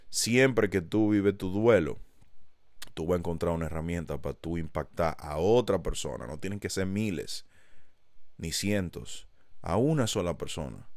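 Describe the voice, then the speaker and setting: A man's voice: low-pitched, darkish tone, no echo. A man giving an emphatic motivational podcast monologue, speaking straight to the listener and swearing casually. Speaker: podcast host.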